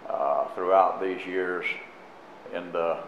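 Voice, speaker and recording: An older man speaking as a pastor in a church, halting and full of fillers and restarts. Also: low-pitched, steady tone, noisy background. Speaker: pastor introducing a guest teacher. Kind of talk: unscripted church announcements and sermon. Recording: echoey, muffled live church stream.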